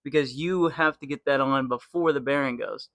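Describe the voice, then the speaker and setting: In a dry recording, a mid-range male voice with a fairly bright tone speaks at a moderate pace. He's a young garage channel host working on a car at home, casually talking through the repair while cursing and grumbling as he turns the wrench.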